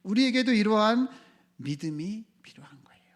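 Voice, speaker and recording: A male pastor preaching a sermon, pushing key phrases up loud and letting phrase ends fall to a whisper, repeatedly addressing the congregation. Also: lively intonation, moderate pace. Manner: emphatic rises in pitch and volume on key phrases.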